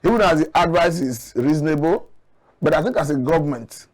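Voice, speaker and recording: This man's voice sits on the high side and is expressive, carrying a Nigerian accent. As a guest analyst on current affairs, he makes his case in a measured, earnest manner.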